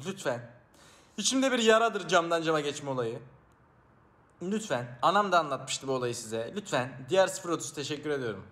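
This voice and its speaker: A man chatting live with viewers in a playful, teasing way, acting as a mock teacher. He jumps between loud outbursts and low mumbling. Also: expressive, normal speed. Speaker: live streamer. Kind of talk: casual live-stream chat with viewers.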